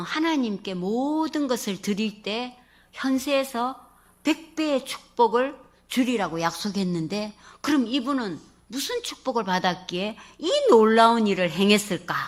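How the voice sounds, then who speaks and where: A woman pastor with a Gyeongsang accent preaching a storytelling sermon, acting out the quoted speech. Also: mid-range voice. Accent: Gyeongsang Korean. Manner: animated, acts out quoted speech.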